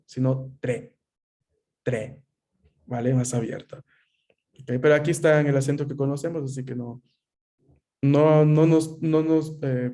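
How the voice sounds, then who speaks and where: A man's voice: medium pitch, mellow. A man teaching an online language class over a video call, explaining patiently and checking often with his students. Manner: explanatory, frequent checking questions.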